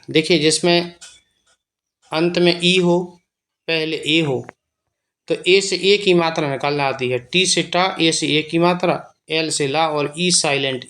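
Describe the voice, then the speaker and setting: A man's voice: on the high side, a bit bright. A man teaching beginners to read English words in a Hindi accent, spelling each word letter by letter and repeating its meaning. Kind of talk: slow spelling and reading lesson.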